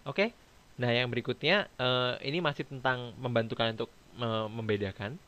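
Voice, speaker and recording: A man's voice: medium pitch, moderate pace, fairly bright tone. Male teacher, casual lecture delivery, explains grammar patiently, mixes in English examples. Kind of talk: online class lecture.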